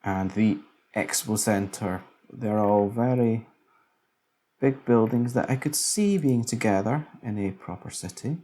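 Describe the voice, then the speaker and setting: A man's voice: on the low side, unhurried, warm tone. A man casually commentating a city-building game, musing aloud as he builds, tired late at night. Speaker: let's play commentator.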